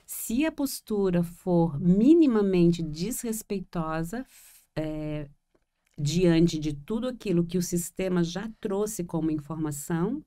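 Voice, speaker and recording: A woman's voice: on the low side, lively intonation, takes it slowly, dark tone. A woman from Florianópolis with its local accent, a therapist co-hosting a podcast, talking reflectively and hesitantly with many fillers. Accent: Florianópolis Portuguese. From Florianópolis, Brazil. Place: small room with three people.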